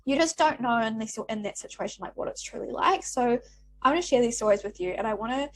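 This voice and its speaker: A woman chats candidly on her podcast, swearing freely as she encourages listeners. Her voice sits a touch high. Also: animated, fast. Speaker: podcast host. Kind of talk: casual chat.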